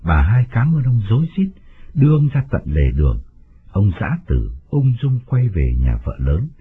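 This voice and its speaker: Expressive male storyteller, tinny audio. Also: fairly low pitch, moderate pace, slightly rough. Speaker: narrator. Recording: tinny phone-like sound, faint music.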